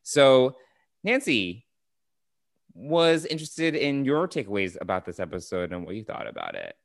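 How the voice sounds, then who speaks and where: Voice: mid-range voice, wildly swooping pitch, normal speed, creaky. A podcast co-host guiding a casual chat, attentive and encouraging toward the other host.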